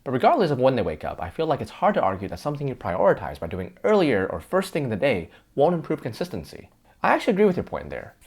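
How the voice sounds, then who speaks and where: A man's voice: medium pitch, huge pitch swings, fast talker, creaky, a little mellow, breathy edge. A man playing several versions of himself in a scripted, conversational debate, arguing back and forth with himself. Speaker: host of an explainer sketch.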